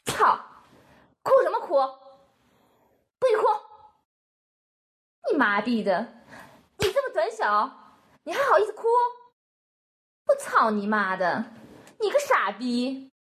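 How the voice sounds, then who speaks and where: A high, lively female voice that climbs and dips as she mocks. A woman acts out a scornful dominatrix who curses freely and hammers the same question over and over. The delivery stays harsh and contemptuous throughout this adult role-play. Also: a little slow, pauses often, heavily acted. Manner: harsh, taunting, swears a lot, repeats questions. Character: cruel scornful dominatrix woman, foul-mouthed, mocking.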